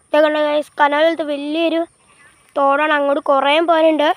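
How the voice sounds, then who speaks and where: A woman giving a casual walking-tour vlog outdoors by rural fields and a canal, filmed on an old phone while riding a bicycle. She talks haltingly, repeats herself and keeps saying "guys". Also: sits high, level tone. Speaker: vlogger. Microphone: old phone camera.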